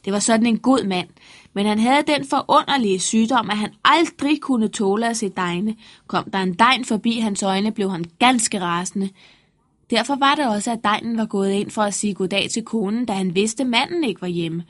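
A woman narrating a fairy tale in a lively storytelling manner. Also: medium pitch.

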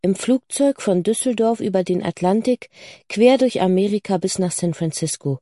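A woman narrating a children's book in a calm, even way. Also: mid-range voice, moderate pace, no echo, studio quality. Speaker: audiobook narrator. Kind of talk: scripted narration.

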